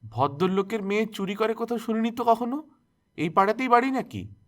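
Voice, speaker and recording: Man doing a sharp-tongued gossiping woman, brisk accusing, high animated voice.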